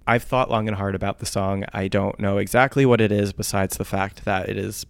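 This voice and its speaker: Podcast co-host, man, 30s, gravelly yet smooth, a bit low, dry close sound. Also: fairly even intonation, no echo. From United States. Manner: chatty, self-mocking, quick asides. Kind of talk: casual chat.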